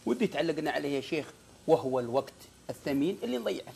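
A man's voice: on the high side, very animated, racing, vocal fry, mellow, a little hiss or hum. A man hosting a talk show, mostly giving brief approving interjections.

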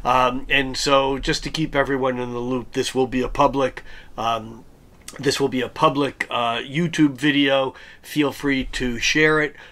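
A hoarse man with a raspy voice, recovering from illness, speaking as an astrologer in a methodical forecast monologue that goes through dates and planetary aspects one by one. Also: mid-range voice, fairly even intonation, a little slow, a bit bright.

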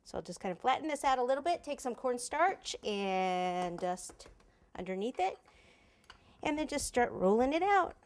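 Working in a home kitchen, a woman in her forties gives a casual hands-on cake decorating lesson, chatty and thinking out loud, picked up by a lapel mic. Her voice is a little high with big pitch swings, moving at a moderate pace.

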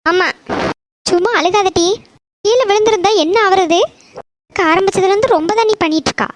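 A woman voicing a sharp, scolding young mother. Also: very high-pitched, noisy background. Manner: scolding, loud, rapid questions.

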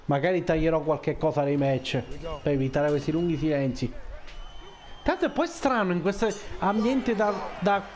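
A man giving casual gameplay commentary, muttering to himself and repeatedly urging calm as he plays. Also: sits high.

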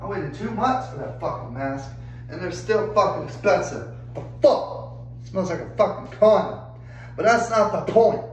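Profane man ranting, high voice. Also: lively intonation, moderate pace, roomy sound, a little hiss or hum, rough recording. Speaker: vlogger. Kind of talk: angry rant to camera.

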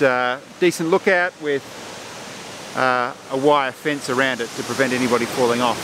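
A man's voice: fairly high pitch, noisy background. A man in his forties, a photographer explaining his shoot in a chatty vlog to a handheld camera outdoors. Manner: chatty, explanatory, with frequent fillers. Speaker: landscape photographer. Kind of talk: casual vlog narration to camera. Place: outdoors in a forest and on a gorge lookout. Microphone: camera mic at arm's length.

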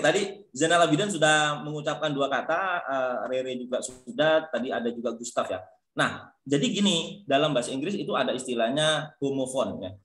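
A man's voice: medium pitch, a bit bright, echoey room. A male lecturer teaching English pronunciation in an online class, calling on students by name and encouraging them. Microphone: video call.

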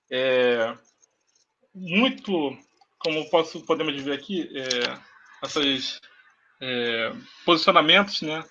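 A Brazilian man giving an online lecture over a video call, pausing often with filler sounds as he explains slides. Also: a little high, sharp tone, a little hiss or hum. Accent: Brazilian Portuguese. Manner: hesitant, many filler sounds. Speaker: university lecturer. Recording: dull lo-fi video call audio.

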